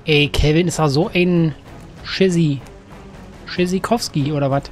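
A man giving casual gameplay commentary, chatting to game characters with sudden excited outbursts. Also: a little high, unhurried. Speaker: gaming let's-player. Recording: faint game music behind.

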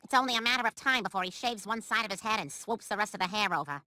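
A woman voicing an exasperated middle-aged housewife in an animated comedy. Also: mid-range voice, fast, no room sound. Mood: resigned.

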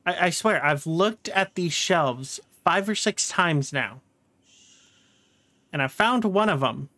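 Male streamer, slightly high voice, dry close sound, constant swearing and stammering, fed up. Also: expressive, slow pace, sharp tone, no echo. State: frustrated and angry. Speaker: game streamer. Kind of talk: live game stream commentary.

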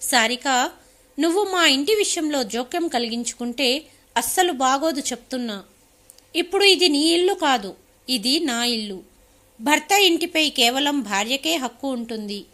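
A woman's voice: high voice, lively intonation, normal speed, pushed and bright. A woman voicing a harsh, domineering sister-in-law who speaks with scorn. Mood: scornful.

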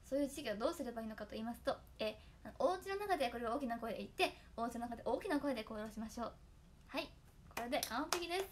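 A woman's voice: a little high, lively intonation, rapid-fire, a little hiss or hum. Giggly young Japanese-speaking woman chatting. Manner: chatty and giggly, reciting tongue twisters. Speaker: idol trainee talking to fans. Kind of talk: casual solo stream chat.

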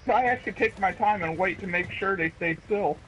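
A man playing a co-op shooter with friends over a headset, brash and blunt about rushing in. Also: sits high, slight background noise, rough recording. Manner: blunt, brash, likes going in loud. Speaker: teammate in co-op game. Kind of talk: casual gaming chat.

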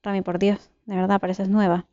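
A woman's voice: medium pitch, level tone, a little fast, dark tone, no room sound, highs cut off. A young woman with a Spain Spanish accent giving casual gameplay commentary, chatting to herself and her viewers, with sudden shrieks and swearing. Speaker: gameplay streamer.

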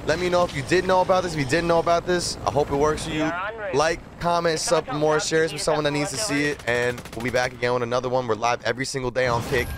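A young adult game streamer talks fast in a fairly high, flat voice, a crowd audible in the background along with video game gunfire, vehicle noise and ambience. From a desk in a small streaming room, on a close mic, he gives casual, slangy, repetitive gameplay commentary and tips.

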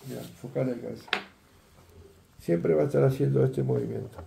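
Here the older fishing instructor talks briskly in a creaky mid-range voice, demonstrating a rig setup at a workroom table. His tutorial is conversational, peppered with "¿eh?" and "¿ves?" aimed at viewers. Echo and background noise fill the recording.

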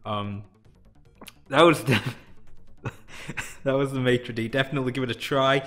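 A man's voice: medium pitch, moderate pace, fairly bright tone, faint music behind. Chatty man doing let's-play commentary. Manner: chatty, rambling, self-deprecating. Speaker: game showcase host.

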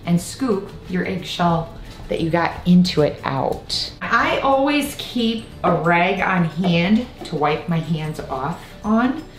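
A thirties-something woman from Iowa, United States, talks casually through baking at home, drifting off on tangents mid-task. She speaks slowly and animatedly in a fairly low voice. The recording comes from a distant tripod camera in a spacious kitchen with soft music in the background.

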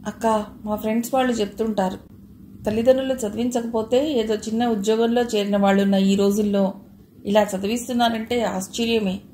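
Brief: a woman doing a cheeky young student sister in a storybook, earnest, mellow voice. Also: on the high side, steady tone, brisk, echoey room, a little hiss or hum, lightly acted. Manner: playful, earnest.

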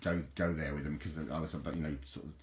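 A man's voice: rumbling low, steady tone, fast. A middle-aged man, casually reminiscing over old photos in a rambling way, often repeating his words. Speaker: vlogger.

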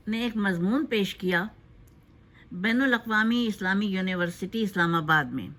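A woman giving a spoken tribute in a loose, unscripted way, pausing often with fillers. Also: on the low side, a bit bright. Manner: hesitant, with frequent filler pauses. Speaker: narrator of a tribute video.

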